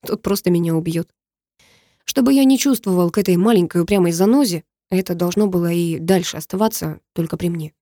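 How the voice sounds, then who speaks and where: Woman reading a story, calm and low-key, warm mellow voice, dry close mic. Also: dry recording. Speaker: audiobook narrator. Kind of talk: first-person story narration.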